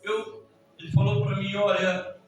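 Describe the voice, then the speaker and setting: A Brazilian man preaching a fiery Pentecostal sermon as pastor, swinging from hushed storytelling to shouted exhortation with frequent hallelujahs. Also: high-pitched, completely flat delivery, a little slow, muffled recording, background noise. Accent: Brazilian Portuguese. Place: church sanctuary. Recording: very echoey church from far off.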